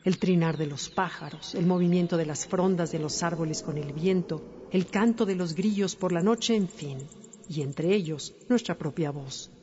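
A woman reading a scripted reflective narration as a host, in a calm, contemplative and measured way. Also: on the low side, big-room sound, dull audio, slight background noise. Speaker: host of a reflective wellbeing segment.

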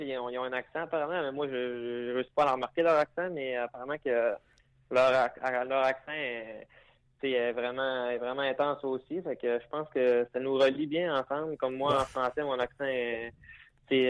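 A young man with a Lac-Saint-Jean Quebec French accent, answering interview questions hesitantly and filling pauses often. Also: mid-range voice, clean tone, highs cut off. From Quebec, Lac-Saint-Jean region. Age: young adult. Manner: hesitant, many fillers and restarts. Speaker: hockey player guest.

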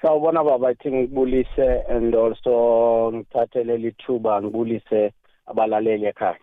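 A South African man, a football coach, answering interview questions in a hesitant, measured way over a phone-like line. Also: mid-range voice, level tone, no room sound. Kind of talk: radio interview, mixing two languages. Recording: narrow, tinny phone-like line.

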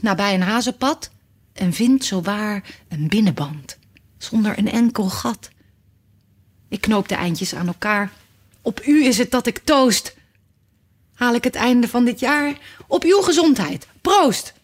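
A woman voicing a dreamy male knight reciting a nonsense ballad in a lilting, half sung way. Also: medium pitch.

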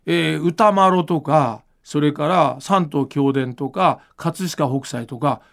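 A man who hosts a podcast and creates manga chats casually, musing informally as he explains his thoughts. His voice is fairly high and slow, with vocal fry.

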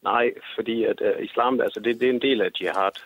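A man's voice: mid-range voice, steady tone. Man, phone-line sound, hesitant, insistent caller, stumbles and restarts. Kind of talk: heated debate.

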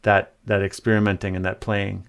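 A man's voice: fairly low pitch, flat delivery, moderate pace, vocal fry, clean tone. A man, a composer guest, explaining his work on a remote interview call, thoughtful and full of hesitant fillers. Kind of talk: conversational interview answers.

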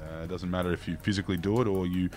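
A man with a Queensland accent co-hosting satirical news in a deadpan, colloquial, blokey way. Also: sits low, very fast, soft background music. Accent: Queensland Australian. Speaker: co-host of satirical news show. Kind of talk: deadpan mock-news banter.

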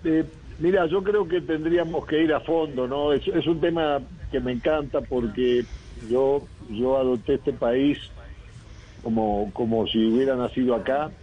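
Coach on a dull radio line. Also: male voice, mid-range voice, a little slow. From Uruguay. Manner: reflective, rambling with many fillers and restarts. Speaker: football coach. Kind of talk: radio phone interview.

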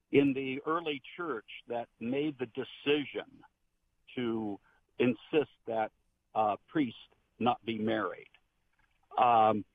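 An older man calls in on a speakerphone. His voice comes through a thin, phone-narrow line with a faint hiss underneath. He talks at an average pitch, earnest and a little meandering, and restarts as he recalls things. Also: vocal fry. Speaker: caller, retired Protestant pastor. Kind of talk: call-in radio chat. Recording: tinny speakerphone call with faint background noise.

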